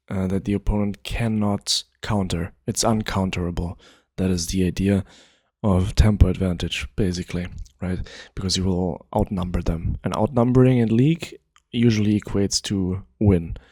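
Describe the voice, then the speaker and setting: A man with a lowish voice talks through a game strategy idea in a loose, easygoing way, drifting into asides and leaning on lots of fillers. The sound is dry and close, with no room around him. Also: fairly even intonation, moderate pace, warm tone, dry recording. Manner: laid-back, rambling, many fillers. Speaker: gaming video creator. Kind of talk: casual explainer monologue.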